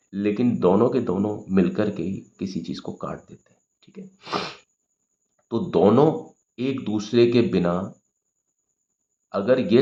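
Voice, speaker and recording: A man with a very low, gravelly voice works slowly through a grammar lesson, repeating each point and checking that the listener follows. The sound is dull and lo-fi, with a noticeable room echo. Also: mellow. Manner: patient, repetitive explaining with frequent "ठीक है" check-ins. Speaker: English teacher.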